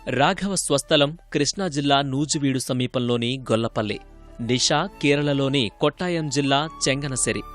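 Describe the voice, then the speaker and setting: A man's voice: medium pitch, fairly bright tone, soft background music. Man reading a news feature voice-over. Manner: measured and formal. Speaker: news reporter. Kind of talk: scripted news narration.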